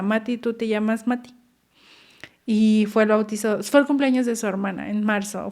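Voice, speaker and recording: A woman's voice: fairly high pitch, darkish tone. Earnest young Mexican mother telling stories. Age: young adult. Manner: earnest, repeats words for emphasis, acts out quotes. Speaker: guest, mother. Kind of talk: emotional personal storytelling.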